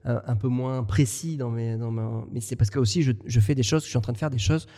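A man from France co-hosting a podcast, talking things through in a halting, reflective way with many restarts. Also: medium pitch, steady tone, mellow, big-room sound. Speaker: podcast co-host. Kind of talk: casual conversation.

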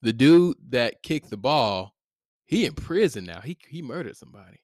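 A man's voice: mid-range voice, very animated, moderate pace, a little mellow, dry recording. Casual young male podcast co-host, laid-back slangy storyteller, dry close mic. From St. Louis area.

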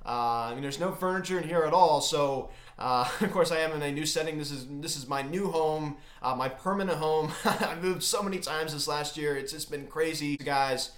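A man hosting a casual sports recap, talking in a halting, emphatic fan's manner, recorded in an empty closet. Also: a little high, fairly bright tone. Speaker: sports recap video host. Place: empty unfurnished closet in a home. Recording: echoey small bare room.

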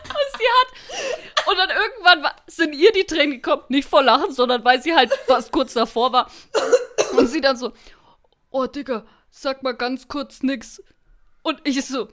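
A woman's voice: sits high, expressive, a little fast, bright, forceful tone, a little hiss or hum. A young woman, telling a story in casual podcast chat and laughing often. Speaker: podcast co-host.

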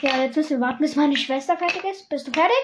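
A woman's voice: high-pitched, quick pace. A young girl vlogging at home as she crafts, chatting and teasing her little sister. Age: child. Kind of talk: casual crafting vlog. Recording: noisy home recording.

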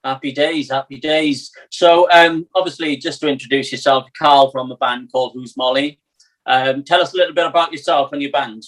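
Male podcast host, South Wales accent, mid pitch, chummy, casual interviewing style. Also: steady tone, normal speed, a bit bright, low-quality recording. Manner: matey, informal, encouraging.

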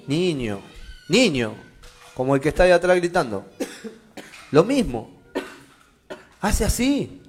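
A middle-aged man with a Rioplatense Spanish accent, preaching a conversational sermon to his congregation with jokes and loud, emphatic peaks. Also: medium pitch. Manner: swings from quiet asides to loud emphatic preaching. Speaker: pastor. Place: church meeting room with a congregation.

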